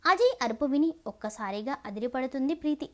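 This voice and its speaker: Woman, storyteller, scripted narration, expressive, high pitch. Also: fairly quick.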